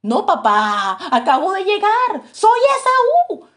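A woman's voice: very high voice, huge pitch swings, slow pace, a bit bright, voice pushed up, full character voice. A woman preacher voicing a desperate young man pleading with his father for a blessing.

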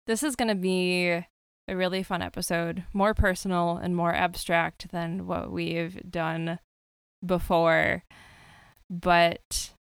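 A woman's voice: lowish voice, flat delivery, takes it slowly, vocal fry, clear, resonant tone, dry recording. A woman hosting a podcast, chatting casually with many fillers and restarts. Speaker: podcast host.

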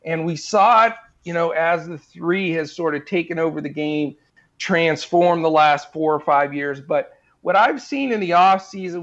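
A man's voice: on the high side, fairly bright tone, lo-fi sound. A man giving fantasy basketball advice as a podcast guest, talking earnestly and repeating himself with lots of fillers. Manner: earnest, repetitive, full of fillers. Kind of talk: casual interview advice.

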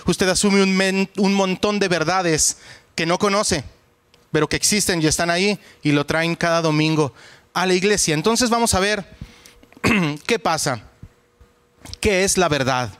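A man's voice: high-pitched, a little slow, a bit bright, clear, resonant tone. A man, a pastor leading a Bible study in a conversational sermon style, speaking directly to his listeners.

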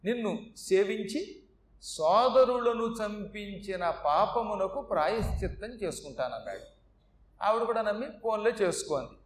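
Man, devotional storytelling, high voice, echoey room. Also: lively intonation, unhurried. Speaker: religious storyteller.

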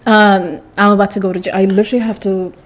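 Restarting sentences and correcting herself as she rambles, this young woman shares a personal story in a casual storytime format. She adds dramatic flair and keeps clearing her throat, speaking at a quick pace with a medium, level pitch.

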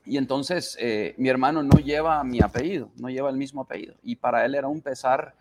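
Man, panel guest, personal testimony, halting with fillers, gravelly. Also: mid-range voice, very noisy. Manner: halting storyteller with many fillers.

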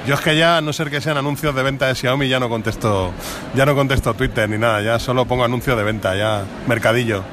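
A hoarse man who is unwell, chatting casually in a dry, self-mocking way. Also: mid-range voice, fast, noisy background. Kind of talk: casual chat.

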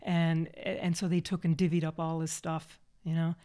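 A woman co-hosting a podcast, recalling old neighbors with lively amusement and frequent laughter. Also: sits low, normal speed. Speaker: podcast co-host. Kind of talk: casual reminiscing conversation.

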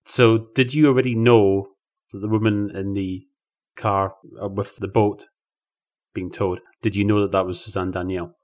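A man's voice: on the low side, fairly even intonation, moderate pace. A man co-hosting a film podcast, explaining plot points in a chatty, easygoing way. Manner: chatty, explanatory, laughs easily. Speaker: podcast co-host. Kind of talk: casual film review chat.

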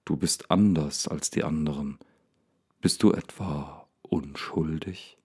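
Casting: man playing a kind, soft-spoken lion, deep, full and mellow. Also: unhurried. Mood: calm. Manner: calm, soft-spoken, slightly awkward. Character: gentle, curious male lion with deep voice.

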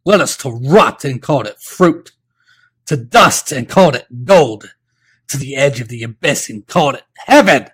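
A man's voice: mid-range voice, lively intonation, moderate pace, fairly bright tone, breathy edge, voice pushed up. A man voicing a bitter, envious male usurper who rails against the king in accusing speeches. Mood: raging. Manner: ranting, accusatory oratory.

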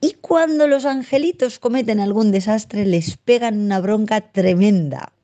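A woman's voice: mid-range voice, a little slow, dark tone. A woman sends an earnest complaint as a recorded voice message to a podcast. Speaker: listener sending a complaint.

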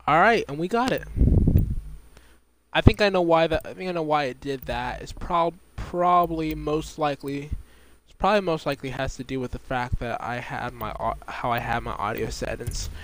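A man's voice: on the high side, normal speed, a bit bright, slight background noise. A young man chatting casually while streaming a game at home, rambling with many fillers and restarts. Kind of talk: casual gaming stream chat. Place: home living room.

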